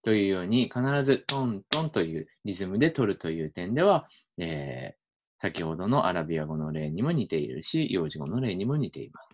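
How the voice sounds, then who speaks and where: A male linguistics researcher giving a relaxed explanatory lecture for a video and thinking aloud with plenty of fillers. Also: deep voice, fairly quick, dull audio.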